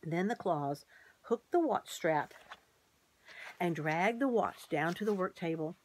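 A woman reading a children's chapter book aloud in a measured, gently expressive way. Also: fairly low pitch, a little hiss or hum. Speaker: narrator. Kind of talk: storybook read-aloud.

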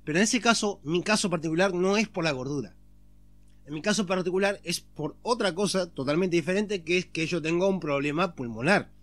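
A man's voice: high voice, fairly quick. A man talking casually to camera as a vlogger, explaining step by step, checking in often with a questioning tag, and restarting phrases as he thinks aloud.

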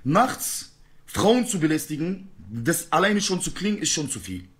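A man's voice: a little high, big pitch swings, moderate pace. A man ranting heatedly in a live-stream argument, full of street slang.

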